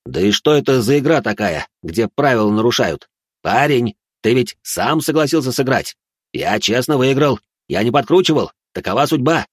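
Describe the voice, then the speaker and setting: A man voicing a smug, cocky tattooed thug who mocks with an unhurried drawl. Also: medium pitch, expressive, no echo, close to an everyday voice. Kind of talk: audiobook story narration.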